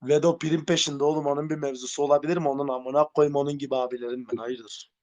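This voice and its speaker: Belligerent, foul-mouthed young man, high voice. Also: level tone, quick pace, crowd noise. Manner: belligerent, profane, repeating his threats. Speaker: livestreamer. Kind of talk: heated live-stream confrontation. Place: Antalya.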